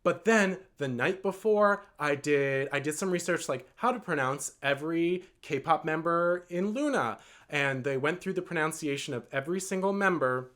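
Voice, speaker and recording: A man's voice: a little high, lively intonation, normal speed, a bit bright. A man telling a long storytime vlog in an earnest, rambling way, full of "like" and "um". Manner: rambling and earnest, with many "like" and "um" fillers. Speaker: vlogger.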